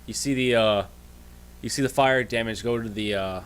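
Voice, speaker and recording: A man narrating as game master of a tabletop game, halting and full of fillers. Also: medium pitch, clean tone. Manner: halting, many fillers and restarts.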